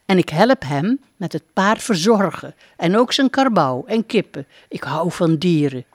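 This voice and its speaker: A woman's voice: on the low side, big pitch swings, unhurried, no room sound, clean studio sound. A woman reading a storybook aloud and voicing a shy, humble young prince who speaks modestly.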